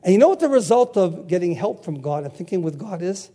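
An older man preaches a sermon in a high, mellow voice with big pitch swings and a quick pace. He repeats key phrases emphatically and calls out questions for the congregation to answer, call-and-response style.

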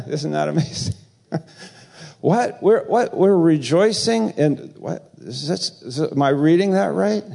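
A male pastor preaching a sermon in a church, earnest and halting, with many fillers and sudden excited rises. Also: on the high side, gravelly.

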